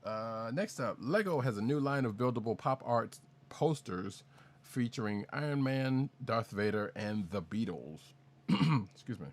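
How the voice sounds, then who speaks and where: A man co-hosts a podcast in a mid-range voice with lively intonation and a measured pace. He rambles casually through news items, restarting and correcting himself and cracking jokes along the way.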